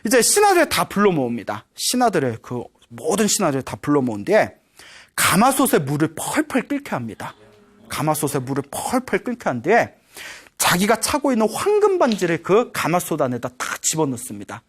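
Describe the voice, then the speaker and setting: A woman's voice: fairly low pitch, brisk, slightly rough. A woman Buddhist teacher giving a humorous sermon, telling a story and often prompting her audience. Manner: lively, keeps prompting the audience, chuckles.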